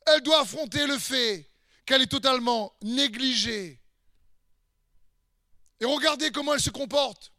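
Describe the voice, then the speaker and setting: Male preacher, very high and bright, emphatic and repetitive, dry close sound. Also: moderate pace, long pauses, no echo. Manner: emphatic, with repeated hammering phrases, sometimes shouting; speaks straight to the listener with questions. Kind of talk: sermon.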